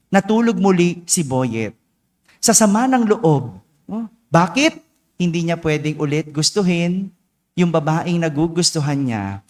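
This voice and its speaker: Slow, high-voiced priest telling a story. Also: male voice. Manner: tells a story with frequent "no?" tag questions. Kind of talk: homily storytelling. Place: church. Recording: long church reverb.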